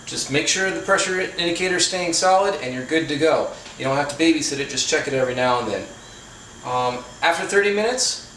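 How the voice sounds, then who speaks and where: A man's voice: fairly high pitch, a bit bright. A man hosting his own cooking channel from his home kitchen, talking casually with dry, self-deprecating jokes and chatty asides. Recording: very echoey room, mic at a distance, faint noise.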